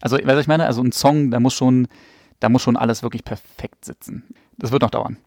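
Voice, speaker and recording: A man's voice: mid-range voice, steady tone, darkish tone, no echo, studio quality. A man, a poet, talking about his work in a podcast interview, thoughtful and loose with fillers. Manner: fast, thoughtful, lots of fillers. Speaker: poet guest. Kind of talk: casual interview.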